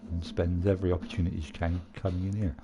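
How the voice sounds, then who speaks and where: A man's voice: low-pitched, little pitch movement, fast talker. A man hosting a casual gameplay video from a room at home, chatting and rambling with frequent laughs. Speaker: gaming video host.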